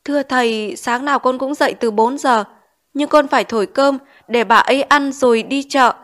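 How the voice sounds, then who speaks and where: A woman's voice: high voice, normal speed, fairly bright tone, pitched above the performer's own voice. A woman voicing a poor, timid schoolboy in an audiobook, answering meekly and politely. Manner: meek, polite address. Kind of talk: audiobook character reading.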